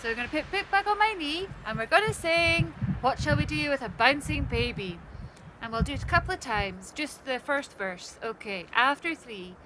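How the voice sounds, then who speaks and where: A woman leading a children's sing-along session in a bright, overenthusiastic party host manner, talking to young children. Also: sits high, expressive, a little fast. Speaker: children's singing session leader. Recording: noisy recording with loud background noise.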